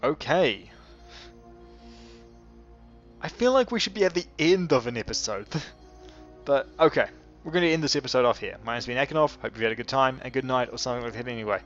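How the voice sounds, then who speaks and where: A man hosting a video game let's play, commenting casually and loosely with quick, self-mocking asides. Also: mid-range voice, expressive, fairly bright tone. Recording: dull lo-fi home mic. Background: faint game music.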